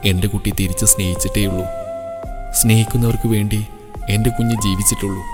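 A man's voice: fairly low pitch, fairly even intonation, quick pace, lightly acted. A man voicing a grieving, choked-up mother. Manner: sorrowful, choked. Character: grieving middle-aged mother. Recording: reverberant audio with soft music.

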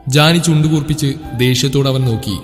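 A man reading a romance story aloud in a steady, descriptive way. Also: medium pitch, brisk. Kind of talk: scripted narration of a romance story. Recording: echoey room with background music.

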